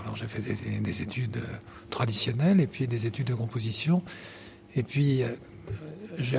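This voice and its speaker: A middle-aged man who conducts and composes explains his views at length in an interview. His voice sits at an ordinary pitch. A faint hiss runs under the recording. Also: vocal fry, a little mellow. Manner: articulate, explanatory. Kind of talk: interview answers.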